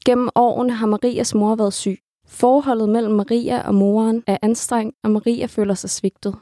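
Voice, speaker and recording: Woman, scripted documentary narration, measured, dry close sound. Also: on the high side, little pitch movement, mellow, no echo.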